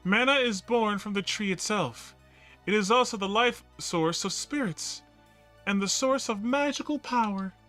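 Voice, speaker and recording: A man's voice: high-pitched, a little slow, bright, forceful tone, soft background music, voice pushed up. A man voicing Martel, a solemn tree spirit. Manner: grave, formal and pleading.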